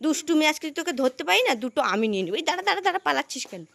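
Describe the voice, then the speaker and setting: A woman playing a very high, bossy comic mother. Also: sing-song, racing, creaky, a bit bright, exaggerated voice. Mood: scolding. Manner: bossy, exclaiming, scolding. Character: scolding but doting young mother. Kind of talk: comic skit acting.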